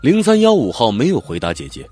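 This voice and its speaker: Husky, expressive male audiobook narrator. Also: mid-range voice, fast talker. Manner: vivid, expressive storytelling. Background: faint background music.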